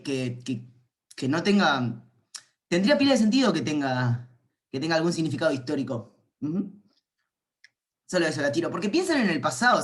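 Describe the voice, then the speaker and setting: A man, a university calculus lecturer giving an informal online class, playful and rambling as he thinks aloud. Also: on the high side.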